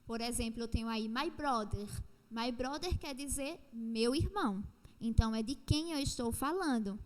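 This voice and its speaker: A woman with a Brazilian Portuguese accent explaining an English lesson step by step, repeating points and slowing down on the examples. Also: on the high side, a little mellow, in a large hall. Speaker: teacher. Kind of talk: recorded online lesson.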